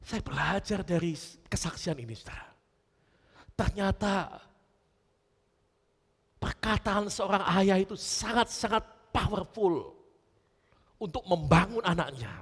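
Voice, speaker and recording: A male pastor preaching a storytelling sermon, often turning to his congregation and swinging between loud emphasis and hushed lines. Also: sits high, measured pace, long pauses, husky. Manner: animated storytelling, often addressing listeners as brothers and sisters. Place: church. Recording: long church reverb.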